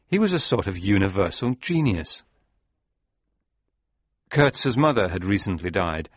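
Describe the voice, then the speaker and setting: In a dramatised audiobook, a man voices a sombre, reflective sailor looking back on his past. His delivery is measured and grave, his voice sits fairly low, and there's no room sound at all.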